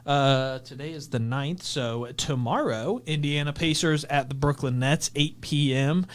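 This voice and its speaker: A man's voice: on the high side, measured pace. A man co-hosting a basketball podcast, running through upcoming games in a casual, filler-heavy chat. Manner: runs through game schedules with fillers. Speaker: podcast co-host.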